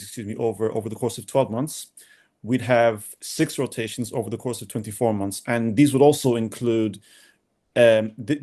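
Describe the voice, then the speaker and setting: A young man from Sudan, a doctor answering podcast interview questions in a halting way with many restarts and repeated words. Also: mid-range voice, darkish tone. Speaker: doctor, guest.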